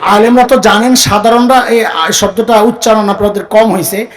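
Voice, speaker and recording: A man preaching a sermon to a live audience. He speaks plainly, gets the crowd to repeat phrases back to him, and rises to a shout for emphasis. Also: high voice, fairly even intonation, moderate pace, poor audio. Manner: call-and-response, has the crowd repeat phrases; plain colloquial speech.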